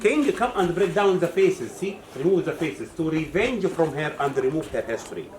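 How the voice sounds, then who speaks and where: Tour guide in an echoey temple. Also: male voice, a little high, lively intonation, moderate pace, crowd noise. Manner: broken English, pointing things out. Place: inside an ancient stone temple. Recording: echoey with background noise.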